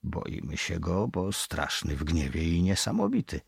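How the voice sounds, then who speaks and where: A wary ship's bosun, voiced by a male audiobook reader speaks in a hushed, secretive way. His voice is deep and grainy with a husky edge. It is recorded close and dry. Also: wildly swooping pitch, measured pace, no room sound, heavily acted. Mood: guarded. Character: evasive, superstitious middle-aged male ship's bosun.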